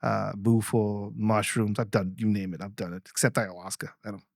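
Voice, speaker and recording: A man's voice: on the low side, level tone, normal speed, creaky, a little mellow, no echo, studio quality. A man hosting a podcast in a casual, rambling way, restarting often and swearing freely. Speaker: podcast host. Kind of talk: casual conversation.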